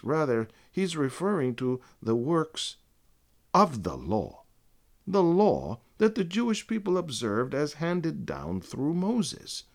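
Preacher, male, gravelly, slow and emphatic, lively intonation, faint music bed. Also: mid-range voice. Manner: emphatic, quotes scripture with citations. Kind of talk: sermon.

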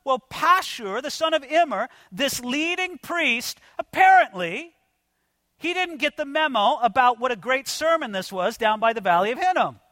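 Animated high-voiced male preacher. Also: normal speed, no room sound, studio quality. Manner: animated, conversational, addresses listeners as friends. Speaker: pastor. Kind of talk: expository sermon.

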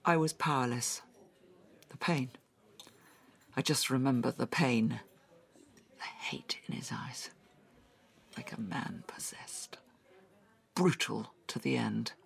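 An actress voicing a traumatized woman recounting a brutal attack, halting and often dropping into whispers, in an audio drama. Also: very deep voice, gravelly, breathy edge, exaggerated voice. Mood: distressed.

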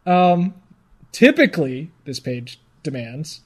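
A podcast co-host trades casual banter, reading aloud and ranting with mock exasperation. His voice is a little high, sing-song and slow.

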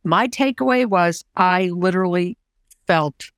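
A woman's voice: lowish voice, unhurried, no echo. Enthusiastic older woman, dry sound. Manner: enthusiastic, expressive storyteller. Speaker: interview guest, social worker and counselor. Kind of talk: casual conversation.

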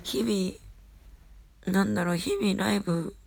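A woman with a raspy, husky voice, an idol hosting her own radio show, rambling along in casual, self-deprecating solo chat. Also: medium pitch, slow, darkish tone, no echo.

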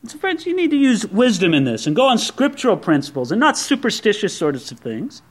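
A man preaching a sermon as a pastor, earnest and animated, with frequent stammered restarts. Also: high-pitched, brisk.

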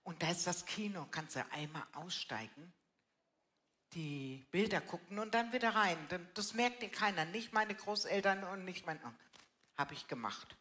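A woman's voice: lowish voice, moderate pace, a bit bright. An older woman with a blunt, colloquial manner, telling her life story in a casual interview and often tagging her sentences with "ne". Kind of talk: personal testimony in a casual interview. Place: live church event with audience.

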